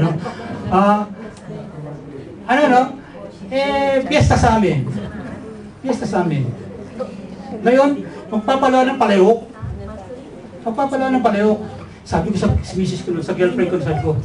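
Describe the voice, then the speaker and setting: A male pastor with a Filipino accent preaching a sermon, telling stories and asking the congregation questions. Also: high voice. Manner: storytelling, asks the congregation questions. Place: church hall with a congregation. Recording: echoey hall, distant mic, audible congregation.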